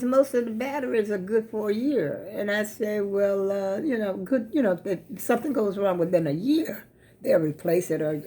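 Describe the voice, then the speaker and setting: Congested American woman, lowish voice, chatting. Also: mellow. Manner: folksy, rambling storytelling addressed to viewers. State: congested, plugged-up sinuses. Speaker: vlogger. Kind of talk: casual chat vlog to viewers.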